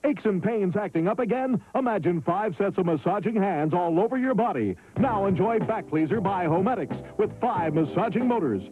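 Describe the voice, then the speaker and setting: A man delivering an upbeat infomercial sales pitch as an announcer. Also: expressive, moderate pace, hardly any pauses. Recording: muffled TV audio, music behind. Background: music bed.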